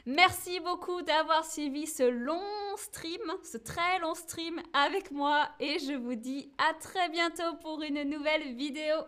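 A woman with a high voice teaches a French lesson on a live stream. She talks slowly and patiently, pausing to check that viewers follow and answering their chat messages as she goes. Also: fairly bright tone. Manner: slow, clear, patient teaching with frequent checks.

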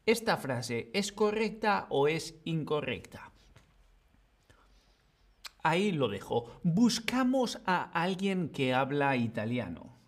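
A man's voice: on the high side, sing-song, slow. A man teaching a live-streamed grammar lesson, patient and playful, talking to his chat. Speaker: Spanish teacher.

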